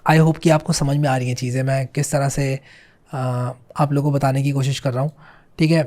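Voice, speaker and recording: A man hosting a casual screen-share software tutorial in a chatty way, often checking in with his viewers and slowly reading on-screen text aloud. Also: mid-range voice, steady tone. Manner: chatty, repeats "theek hai" and "bhai", reads on-screen English slowly. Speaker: coding tutorial host.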